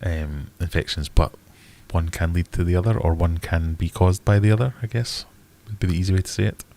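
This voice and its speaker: Middle-aged British man, low-pitched and stuffed-up nose, blunt and wry livestream host, loose conversational delivery. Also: steady tone, brisk, warm tone. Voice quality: bunged-up, congested nasal voice. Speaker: livestream host answering viewer questions. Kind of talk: casual livestream chat.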